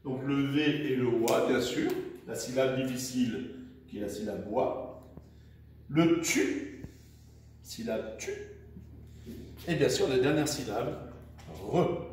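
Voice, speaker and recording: A man teaching young children, dictating words slowly syllable by syllable and encouraging them, recorded far from the mic in an echoey room. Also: medium pitch, expressive, darkish tone, slight background noise. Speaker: primary school teacher. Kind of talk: slow dictation lesson for children.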